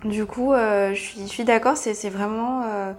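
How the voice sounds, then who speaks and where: A woman interviewing a guest in a relaxed chat, halting often with fillers and laughing lightly. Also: mid-range voice. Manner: hesitant, many fillers, friendly laughs.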